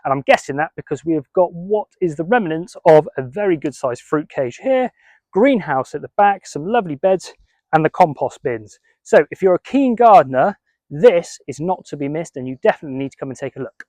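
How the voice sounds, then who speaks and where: A man's voice: on the high side, expressive, normal speed, darkish tone, dry recording. A man working as an estate agent, giving an upbeat, chatty walking tour of a house and garden and talking straight to the viewer. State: out of breath from the heat. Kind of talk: walking property tour to camera. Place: house and garden, indoors and outdoors.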